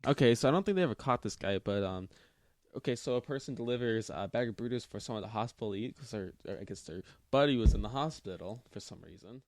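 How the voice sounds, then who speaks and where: A man's voice: on the low side, expressive, fast, a little mellow, no room sound. Easygoing young man, dry close sound. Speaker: podcast co-host. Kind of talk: casual chat.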